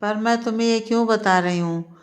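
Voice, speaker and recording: A woman's voice: fairly high pitch, a little fast, natural voice. A woman voicing a stern, reproachful middle-aged mother in a spoken Hindi storybook, repeating her claims insistently.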